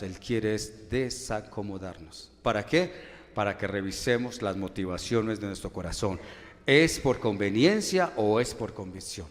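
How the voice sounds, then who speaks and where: Emphatic Colombian pastor in a reverberant hall. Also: male voice, fairly low pitch. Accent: Colombian Spanish. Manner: emphatic preaching with many rhetorical questions, loudness rising and falling. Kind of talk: sermon. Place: church hall. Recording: long church hall reverb.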